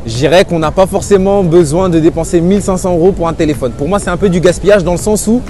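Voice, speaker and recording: A young man answering a street interview on a busy outdoor avenue, steady and thoughtful. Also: sits high, quick pace, soft background music.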